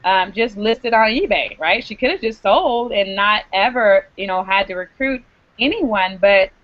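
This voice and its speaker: A woman's voice: medium pitch, no echo. A woman hosting a live online video hangout, upbeat and encouraging in casual chat. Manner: upbeat, encouraging, quick asides. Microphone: video call. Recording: dull lo-fi web call audio.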